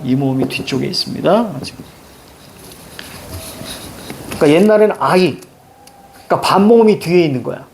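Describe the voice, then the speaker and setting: A man's voice: on the high side, darkish tone. A middle-aged male teacher giving a classroom lecture, drilling students with frequent check-in questions and stretching out example words for emphasis. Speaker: Korean language teacher.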